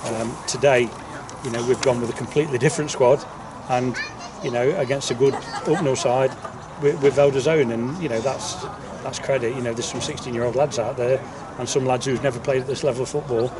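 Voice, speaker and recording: A man's medium-pitched voice, fairly even in intonation, runs a little fast with few pauses. He's a football manager answering questions informally after a match, outdoors on the pitch, and he often says things twice. The outdoor mic is distant, and background noise is clear.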